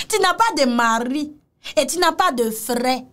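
Woman, mocking reaction commentator; high, very animated delivery. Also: slow, slight background noise. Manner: mocking and exclamatory, repeats phrases, mixes in Creole. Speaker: commentator reacting to a video clip.

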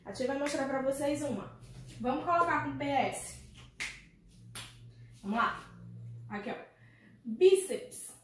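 High-voiced Brazilian woman teacher, echoey room. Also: lively intonation, measured pace, long pauses, fairly bright tone. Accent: Brazilian Portuguese. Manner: affectionate, coaxing, asks pupils questions. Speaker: primary school teacher. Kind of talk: remote class lesson. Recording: echoey room, faint noise.

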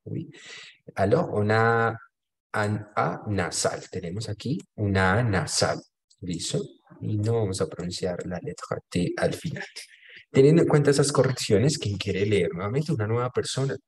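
Colombian man teaching French, low voice. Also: expressive, normal speed. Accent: Colombian Spanish. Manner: explains in French, then repeats in Spanish. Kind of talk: online language class.

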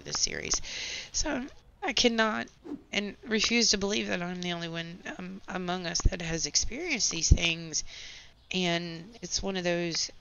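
Gravelly-voiced woman rambling candidly. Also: lowish voice, sharp tone, a little hiss or hum. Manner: candid, rambling storytelling about work. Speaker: gaming channel host. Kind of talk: casual commentary over gameplay. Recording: slightly dull lo-fi audio.

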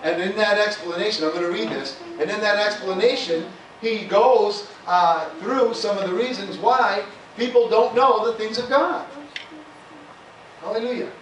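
Between points of his conversational sermon, a male pastor keeps adding "amen" and "hallelujah," his high voice a bit bright and moving at normal speed. The church sanctuary recording is echoey, distant, and faintly hissy.

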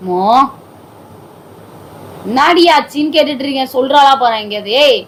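A woman with a high, light voice scolding and nagging in a staged comedy argument. She talks insistently, pressing and complaining without letup, with a faint hum of noise behind her. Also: moderate pace, poor audio. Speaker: comedy skit performer.

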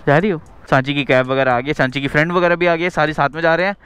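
A man's voice: fairly high pitch, steady tone, quick pace, a bit bright. A young man hosting a casual vlog, chatting and teasing, talking straight to his viewers. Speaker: vlogger.

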